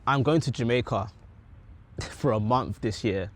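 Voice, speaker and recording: A young vlogger with a British accent muses on what he wants to achieve, drifting from point to point and often fixing his sentences midway. He speaks in a mid-range voice at an unhurried pace, with a little hiss or hum on the recording.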